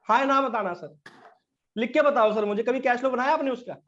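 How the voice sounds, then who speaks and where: High-voiced man giving a chatty lecture. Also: fairly quick. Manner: lively, chatty, keeps asking the audience questions. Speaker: chartered accountant speaker at a professional webinar. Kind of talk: informal lecture. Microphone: online meeting mic. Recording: dull, lo-fi sound.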